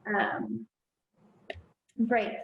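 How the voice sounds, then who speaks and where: A woman with a fairly high voice moderates from afar, her sound hollow and echoing as if from inside a tunnel. She takes her time with each phrase and keeps a light, self-deprecating tone. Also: level tone, extremely slow, gravelly, highs cut off. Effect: sounds like she's in an echoing tunnel. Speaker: event moderator. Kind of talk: casual chat over a remote connection.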